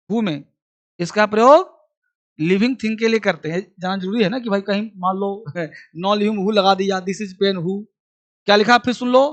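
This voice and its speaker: A man's voice: sits high, a bit bright. A man teaching an English grammar lesson for exam students, explaining in Hindi, repeating each key point as if dictating and calling students son or kid.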